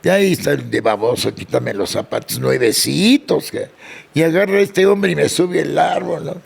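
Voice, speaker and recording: An older man telling childhood stories in a casual interview, jumping up in pitch when he quotes people. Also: moderate pace, creaky, husky. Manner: animated anecdote teller, jumps high when quoting people. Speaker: interview guest, sonidero. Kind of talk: casual storytelling.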